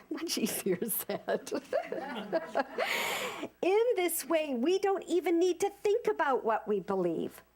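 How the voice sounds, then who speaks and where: Animated woman in her fifties preaching. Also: high voice, takes it slowly, long pauses. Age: 50s. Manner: animated, repeats phrases for emphasis. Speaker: speaker at a spiritual center service. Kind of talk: informal sermon to a congregation.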